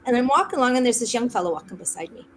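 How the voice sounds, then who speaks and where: A woman from Saskatchewan telling a long personal story as a podcast guest, animated, often laughing and acting out quotes. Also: fairly high pitch, very fast, slight background noise, rough recording. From Saskatchewan, Canada. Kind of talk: storytelling in a conversation.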